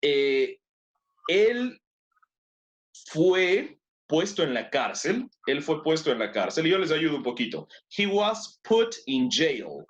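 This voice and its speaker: A man's voice: a little high, sing-song, takes it slowly, highs cut off. A man teaching an English class in two languages, who repeats words and keeps praising his students. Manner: switches between two languages to explain.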